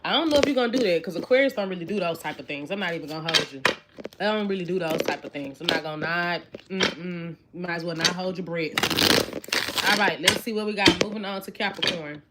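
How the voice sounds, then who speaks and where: A woman's voice: on the low side, fast talker. A woman in her twenties doing a casual tarot reading, chatty and repetitive, talking straight to her viewers. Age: 20s. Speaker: tarot reader. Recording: card shuffling noise clearly audible. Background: shuffling cards and clicks.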